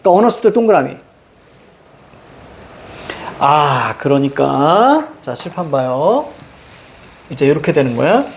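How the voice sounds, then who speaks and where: A man's voice: on the high side, unhurried, gravelly, pauses often, a little hiss or hum. A middle-aged man teaching a reading lesson in a classroom, directing students step by step on what to underline and circle. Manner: animated, directive, drills students on reading steps. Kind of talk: classroom lecture. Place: classroom with blackboard.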